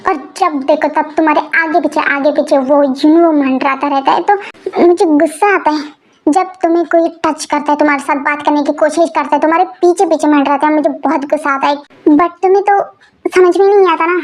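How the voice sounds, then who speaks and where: A jealous, short-tempered young man scolds and sulks, as a woman acts him out. His voice sits high. He is a figure in a voiced fan-fiction audio story. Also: fairly even intonation, a little fast, darkish tone, lightly acted. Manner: sulky, scolding.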